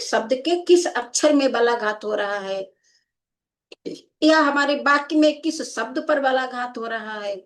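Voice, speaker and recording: A woman teaching Hindi grammar in an exam coaching lecture, explaining step by step and often checking understanding. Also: a little high.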